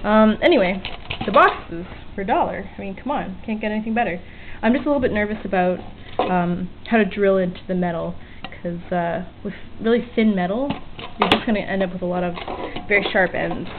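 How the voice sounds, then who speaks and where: Fairly quick and with hardly any pauses, her mid-range voice carries an unscripted show-and-tell of an electronics project; she's a hobbyist vlogger, informal, self-deprecating and a bit sweary. She's at a small home work area next to an open window. The handheld camera's built-in mic gives tinny, band-limited, hissy audio, with faint outdoor weather in the background.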